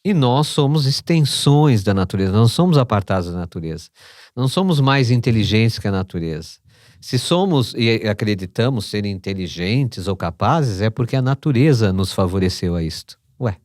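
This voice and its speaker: A man's voice: on the low side, lively intonation, normal speed, darkish tone, no echo, studio quality. Brazilian man, asks and answers himself. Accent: Brazilian Portuguese. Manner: ponders aloud, posing and answering his own questions. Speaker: podcast guest, shaman. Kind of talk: conversational explanation.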